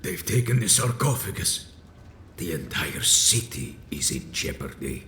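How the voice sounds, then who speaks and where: A man playing a wounded, aged vampire leader in a video game, speaking gravely and theatrically in archaic, formal phrases. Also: extremely low pitch, very animated, measured pace, bright, forceful tone, heavily acted. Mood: urgent, foreboding. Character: wounded, aged male vampire sect leader, grandiose, bitter. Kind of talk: dramatic video game voice acting. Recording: echoey room with faint noise.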